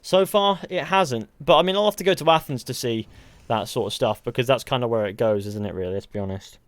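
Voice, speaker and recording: On a live game stream, a tired UK man whose accent combines Mancunian and Southern English talks casually, wandering off topic and joking as he replies to chat. His voice sits at medium pitch, moves fairly quickly, and has no echo.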